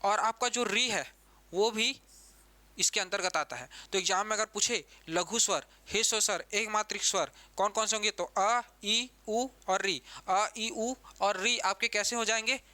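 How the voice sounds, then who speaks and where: A man's voice: high-pitched, normal speed, pushed and bright. A man teaching an exam-prep grammar lesson, who repeats key terms and keeps asking the class questions.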